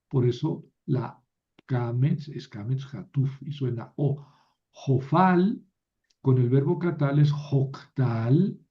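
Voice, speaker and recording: A man's voice: medium pitch, highs cut off. A man teaching a Biblical Hebrew grammar lecture, patient and methodical, often checking with his students, with some playful asides. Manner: slow, patient, with frequent "¿verdad?" checks. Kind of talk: recorded lecture.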